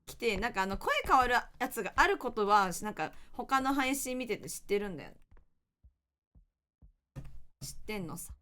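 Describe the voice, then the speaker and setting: Woman streaming games, bouncy lively voice, chatty and keeps saying sorry to teammates. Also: a little high, a little fast. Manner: chatty, apologetic, reacting out loud. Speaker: VTuber game streamer. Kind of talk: casual live game commentary.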